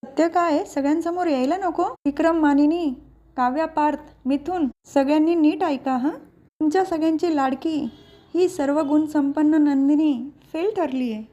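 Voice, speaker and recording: A woman's voice: sits high, moderate pace, dark tone, natural voice. A woman voicing a sneering spiteful aunt. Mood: mocking. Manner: sneering, mocking. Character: scheming middle-aged aunt, taunting and spiteful.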